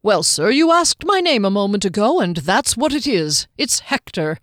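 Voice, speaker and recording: A woman voicing a small, tipsy, overly polite male halfling gentleman who rambles fussily. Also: medium pitch, sing-song, moderate pace, no echo, studio quality, natural voice. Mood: genial rambling.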